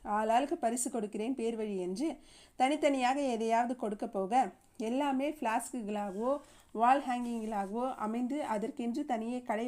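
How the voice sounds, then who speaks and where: Mellow-voiced woman reading a novel aloud. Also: on the high side. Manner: steady, expressive storytelling. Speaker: audiobook narrator. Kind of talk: scripted narration of a novel.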